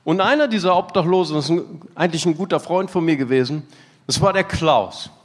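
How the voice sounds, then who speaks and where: A man preaching a sermon at a conference, telling stories in an animated way and laughing at his own anecdotes. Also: on the high side, fairly quick. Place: conference hall. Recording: reverberant hall.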